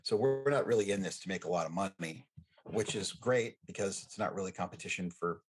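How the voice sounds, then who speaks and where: A man's voice: sits low, fairly quick, slightly rough. A middle-aged man from the United States, a guest on a podcast, chatting casually and telling jokey stories. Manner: animated, jokey storyteller. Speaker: guest, freight forwarding executive.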